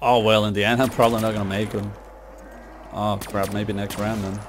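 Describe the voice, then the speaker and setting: Here a man offers laid-back commentary on his gameplay, his lowish voice level in tone and a little fast. Background noise, including the zombie shooter's music and gunfire, runs under his muttering.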